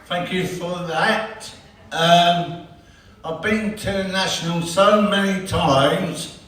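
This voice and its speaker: A man accepting an award gives a brief, halting thank-you speech. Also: high voice, steady tone, fairly bright tone, a little hiss or hum. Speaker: award recipient. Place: large banquet hall with crowd. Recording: echoey hall, distant mic, crowd.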